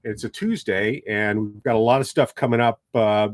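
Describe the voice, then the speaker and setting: A man's voice: fairly low pitch, fairly even intonation, moderate pace, no echo. A middle-aged man hosting a local radio talk show in the studio, joking and rambling with many restarts as he interviews students.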